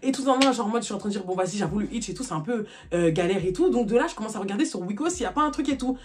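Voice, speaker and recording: A young woman telling a personal story in a casual vlog, animated and packed with fillers. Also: medium pitch. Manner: rapid, animated retelling full of fillers.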